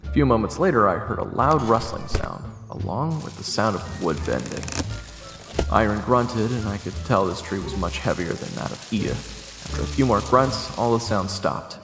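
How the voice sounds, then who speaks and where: A man with a lowish, animated voice reads scripted first-person narration for a fantasy audio drama at a moderate pace. The recording is echoey with long reverb, and faint music plays behind him.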